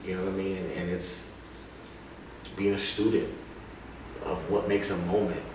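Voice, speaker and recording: At normal speed and in a level tone, this low-voiced rap artist shares stories in an informal interview, often quoting people and dropping "like" and "you know" into his slangy phrasing. A loud, echoey room and a distant microphone color the sound.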